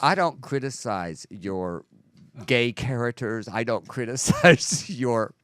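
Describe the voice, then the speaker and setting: A man's voice: medium pitch, lively intonation, slow pace, a bit bright, no room sound, clean studio sound. A man co-hosting a chat show, bantering playfully and laughing. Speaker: co-host. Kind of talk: casual chat.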